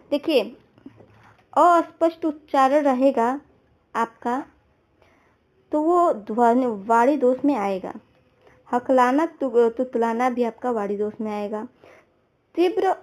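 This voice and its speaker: Her voice sits high and has a darkish tone. She's an exam-prep teacher going over answer choices for exam questions, checking comprehension with everyday examples and a repeated "theek hai."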